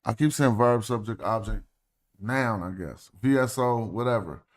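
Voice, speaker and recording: A man's voice: mid-range voice, moderate pace. Dude on a stream breaking down hieroglyphs, super casual, talks as he thinks. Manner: loose and conversational, thinks aloud, slangy. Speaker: host. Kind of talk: casual livestream walkthrough of hieroglyph texts.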